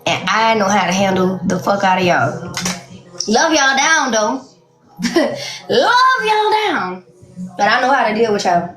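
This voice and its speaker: A woman's voice: mid-range voice, very animated, unhurried, long pauses, fairly bright tone, faint music behind. A woman in her late twenties speaking bluntly and candidly in a casual interview, laughing often. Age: 20s. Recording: roomy echo.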